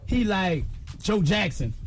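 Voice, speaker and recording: Young guy from a group joking around on radio, high voice, music faintly behind. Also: big pitch swings, slow, gravelly. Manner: playful slangy banter. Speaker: guest singer in a group. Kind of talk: casual interview chat.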